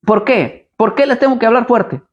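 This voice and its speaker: A man's voice: very high voice, lively intonation, moderate pace, dull audio. A man preaching at a live Bible study, combative and blunt, firing rhetorical questions at his listeners.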